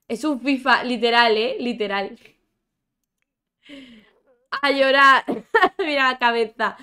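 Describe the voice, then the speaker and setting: Playing a life-sim game, this young YouTuber chats casually and exclaims often, addressing her characters and her audience alike. Her fairly high voice sounds pushed, bright and clean.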